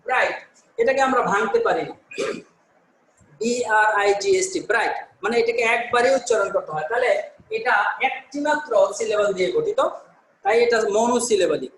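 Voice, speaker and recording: A man's voice: extremely high pitch, animated, brisk, fairly bright tone, reverberant, a little hiss or hum, low-quality recording. A male teacher from Bangladesh giving an online class, explaining step by step, answering his own questions and correcting himself with "sorry". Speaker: English teacher.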